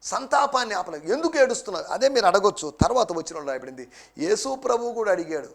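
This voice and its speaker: A male pastor preaching a sermon emphatically, repeating key lines slowly in English. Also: high-pitched, sing-song.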